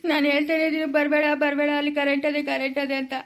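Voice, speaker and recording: A woman's voice: high voice, level tone, very fast. A woman voicing a distraught village father who begs for help for his son, with a rural Chikkaballapura Kannada accent. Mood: lamenting. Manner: pleading, tearful, begging.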